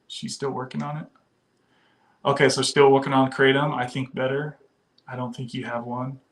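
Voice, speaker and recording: Here a western US man runs a relaxed livestream, chatting freely, laughing frequently and reading comments from viewers out loud. His mid-range voice keeps a level tone at normal speed.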